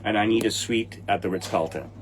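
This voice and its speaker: This Hong Kong English-speaking tailor in his forties has a lowish voice and speaks fairly quickly while answering his livestream. His manner is blunt and impatient, and he swears at commenters. Background noise is present, and trophies sit behind him indoors.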